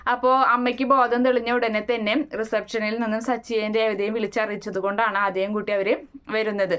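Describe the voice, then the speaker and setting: A woman retells a TV serial's plot at a quick clip, dropping frequent "eh" fillers and restarting her sentences. Her voice is smooth and clear but stays flat in pitch. The recording sounds a little dull and lo-fi. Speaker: serial recap narrator.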